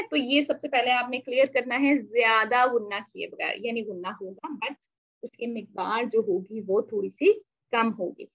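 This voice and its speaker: A woman teaching a recitation class, posing questions to her students and answering them herself, with English words mixed in. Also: fairly high pitch. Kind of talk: online tajweed lesson. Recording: dull lo-fi recording.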